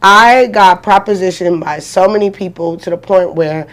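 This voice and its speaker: A woman in her forties, a podcast guest in the studio, tells her story in candid, emphatic, slang-filled casual chat. Her voice is on the low side at a normal speed.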